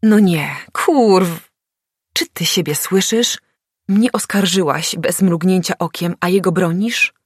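A woman's voice: fairly low pitch, unhurried, dry recording, clean studio sound. A woman reading an audiobook, voicing an angry young man who speaks reproachfully and hisses through clenched teeth.

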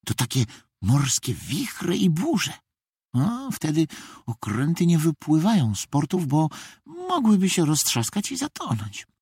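Slow, lively-pitched storybook narrator. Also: husky, no room sound, studio quality. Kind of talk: first-person storybook narration as a teddy bear.

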